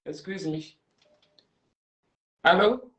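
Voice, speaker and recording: A man's voice: high voice, very slow, fairly bright tone. A man hosting a live stream and taking callers, talking in a theatrical, confrontational way. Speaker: livestream host. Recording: roomy sound, distant from mic.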